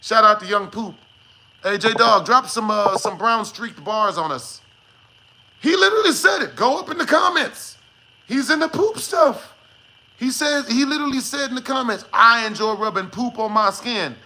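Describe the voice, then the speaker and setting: High, bright-voiced man joking on a livestream. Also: expressive, normal speed. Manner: joking, slangy, swearing. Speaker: live streamer. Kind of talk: casual livestream chat with viewers.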